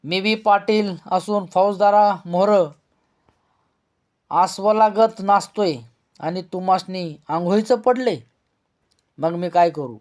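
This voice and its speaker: A man's voice: sits high, takes it slowly, long pauses, darkish tone. A man doing a blunt rustic village headman.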